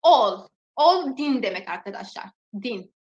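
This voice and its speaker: A woman teaching a language lesson, slowly sounding out each example word twice and then explaining its meaning. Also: high voice, expressive, bright, forceful tone, lo-fi sound. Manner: slow, drawn-out pronunciation drills. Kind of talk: alphabet lesson with repeated example words. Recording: echoey room.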